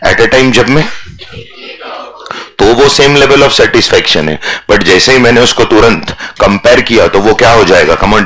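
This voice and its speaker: A man's voice: lowish voice, a bit bright, rough recording. A man teaching a commerce lecture in a mix of Hindi and English. He repeats key phrases again and again for his students to call back, and breaks off to scold them. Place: classroom with students.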